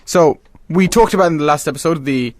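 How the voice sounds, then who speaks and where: Radio host: a man with a slightly high voice, measured recaps, dry studio sound. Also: dry recording. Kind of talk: radio discussion.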